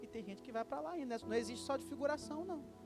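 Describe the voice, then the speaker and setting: A man with a Brazilian Portuguese accent preaching a sermon as pastor, lively and acting out short dialogues. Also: very high-pitched, quick pace, music in the background. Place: church service.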